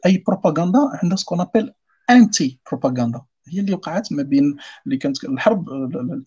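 A man with a Moroccan accent giving an informal lecture in an animated way, often switching between Arabic and French. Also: a little high, husky, lo-fi sound. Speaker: guest speaker giving a talk on film history.

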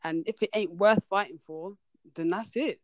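A woman's voice: mid-range voice, moderate pace, a little mellow, dry recording. A young woman hosting a casual podcast chat. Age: young adult. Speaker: podcast host.

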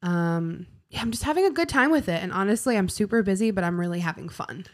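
A woman's voice: mid-range voice, expressive, fast talker. A woman co-hosting a casual podcast chat, bubbly and gushing, laughing often. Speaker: podcast co-host; vlogger.

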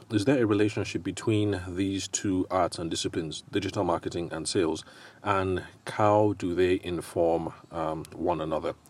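Man, Nigerian accent, low-pitched voice, podcast host, casual explanatory talk, hesitant and conversational. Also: a little mellow.

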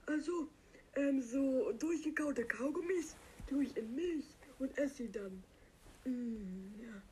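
A dim-witted green cactus fellow, voiced by a man through a voice changer that lifts him high and soft. He drawls slowly in a dark, mellow tone and rambles on with silly, halting asides. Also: a little hiss or hum. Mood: goofy. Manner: rambling, silly, slow, halting with many fillers. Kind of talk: comic character monologue.

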